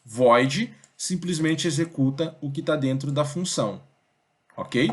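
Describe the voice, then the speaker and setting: A young man teaching a programming lesson in a relaxed, conversational way, thinking aloud and checking in with his students often. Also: a little high, measured pace. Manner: conversational, thinks aloud, many fillers like "beleza?" and "ó". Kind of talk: casual screen-recorded coding lesson.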